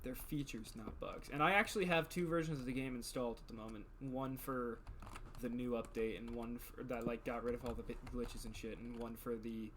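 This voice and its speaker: A man's voice: mid-range voice, fairly even intonation, brisk, fairly bright tone, a little hiss or hum. A man streaming a video game in casual chat, congested with a stuffed-up nose, joking and swearing freely.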